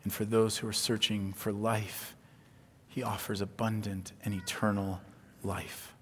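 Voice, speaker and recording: A man's voice: level tone, a little slow, slight background noise. Earnest man preaching in a reverberant hall. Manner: earnest, builds in pitch and volume when retelling, then drops soft and low. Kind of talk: sermon.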